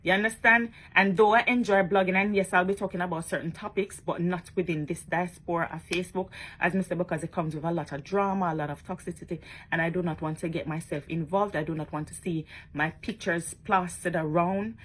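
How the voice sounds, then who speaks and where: Talking fairly quickly to her followers, a female vlogger is chatty and emphatic, often adding tag questions. Her fairly low, slightly bright voice keeps a fairly even intonation, and the audio is poor.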